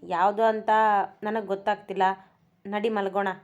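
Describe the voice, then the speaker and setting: A woman's voice: medium pitch, level tone, normal speed, darkish tone, natural voice. A woman voicing a playful young husband who fakes being stern, speaking in a teasing, mock-stern way in a storybook reading. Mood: tender teasing.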